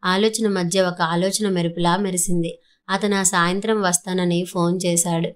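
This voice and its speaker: Audiobook narrator, woman, low and flat delivery, steady storybook reading. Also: moderate pace.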